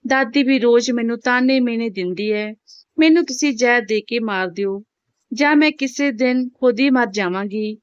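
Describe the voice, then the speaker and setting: A woman's voice: fairly high pitch, normal speed, smooth, no room sound, close to an everyday voice. A young widow pours out her despair in a plaintive voice, as a woman narrator plays her. The recording is dry and muffled. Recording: dull, dry home recording.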